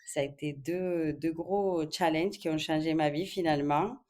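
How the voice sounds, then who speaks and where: A woman from Spain with a low voice talks as a guest on a podcast. She speaks in a thoughtful, hesitant way, pausing often with fillers, in a relaxed interview setting. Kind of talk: casual interview.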